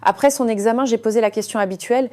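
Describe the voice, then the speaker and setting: Taking the role of a surgeon, a woman tells her story in the first person with a fairly high, mellow voice. Her delivery stays measured and confiding, with many hesitant fillers.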